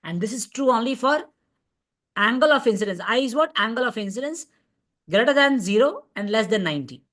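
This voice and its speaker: Speaking fairly quickly in a slightly high voice with lively intonation and a somewhat bright tone, an Indian-accented woman teaches physics in an online revision session. She repeats points and often checks that her students are following, and the audio comes through a video call.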